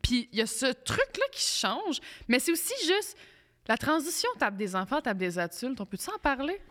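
A woman's voice: high voice, big pitch swings, moderate pace, fairly bright tone, big-room sound. A woman in her twenties with a Québécois French accent, chatting playfully as a podcast co-host and slipping English phrases into her French. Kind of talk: casual chat.

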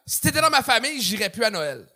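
A man's voice: very high voice, sing-song, fast talker, background noise. A man hosting a casual comedy podcast, hyping up his guests. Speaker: podcast host.

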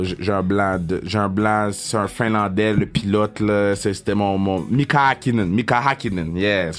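A man in his thirties with a Québécois French accent, telling a casual, excitable story and swearing, with English words mixed in. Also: fairly low pitch. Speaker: vlogger.

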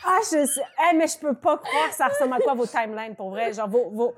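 A woman's voice: high-pitched, fairly quick. A woman, a guest on a podcast in casual chat, insistent and laughing as she talks. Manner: insistent, laughs while talking.

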